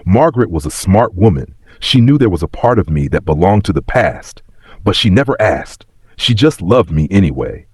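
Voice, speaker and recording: A man voicing a wistful, regretful very old man of ninety who tells of his past in a reflective, plain-spoken, husky voice in a story. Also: deep voice, big pitch swings, moderate pace, a little mellow, no echo, studio quality, heavily acted. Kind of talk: scripted story reading.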